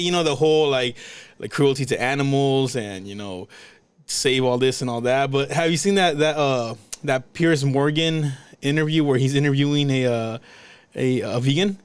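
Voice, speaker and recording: A young man co-hosting a podcast in casual chat, rambling with halting restarts and lots of fillers. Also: mid-range voice, clear, resonant tone, no room sound. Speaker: podcast co-host.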